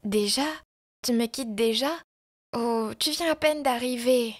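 A woman's voice: mid-range voice, measured pace, natural voice. A woman voicing a sick, tearful young woman who speaks in breathless, emotional pleas, in a storybook reading. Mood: pleading.

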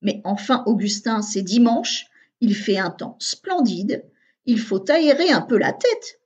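A woman's voice: a little high, sing-song, unhurried, darkish tone. Woman doing a coaxing storybook mother. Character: warm coaxing mother of two. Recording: dull lo-fi recording.

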